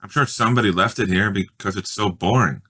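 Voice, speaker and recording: A man's voice: lowish voice, bright, forceful tone, slightly rough. Man voicing a skeptical, drawling young boy. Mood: bored. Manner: drawn-out, unimpressed. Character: bored, skeptical young boy, easily rattled.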